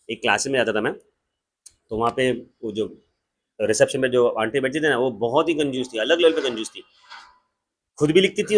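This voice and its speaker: A man with an Indian accent teaching an accountancy class in a joking, lively way, slowing down to dictate definitions. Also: medium pitch. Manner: lively, joking, switches between Hindi and English, slows down to dictate definitions. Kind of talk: classroom lecture.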